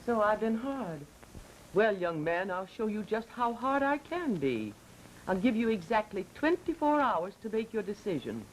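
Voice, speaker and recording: A woman's voice: medium pitch, big pitch swings, moderate pace, natural voice. An actress playing a domineering, haughty, wealthy mother in a vintage film drama, with an imperious manner. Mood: indignant, imperious. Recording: noisy old film soundtrack.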